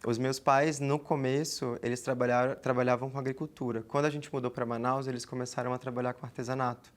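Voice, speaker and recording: A man's voice: medium pitch, little pitch movement, quick pace. Chatty young man in his twenties. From Amazonas, Brazil. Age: 20s. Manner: chatty, reflective, many "né" fillers. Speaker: guest. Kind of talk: casual interview talk.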